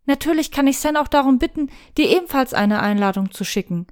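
A woman doing a bright young apothecary. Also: sits high, expressive, brisk. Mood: earnest.

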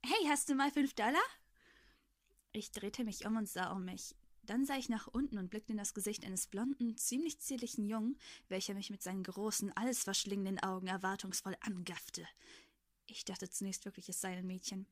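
A woman reading a first-person story aloud, expressive in her delivery. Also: medium pitch, fairly quick, no room sound.

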